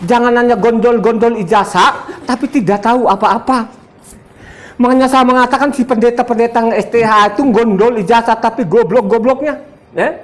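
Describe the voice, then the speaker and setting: At normal speed and in a very high voice, a Sumbanese man in his seventies delivers a sermon to a congregation. He is combative and boastful, laughs frequently, and questions his listeners.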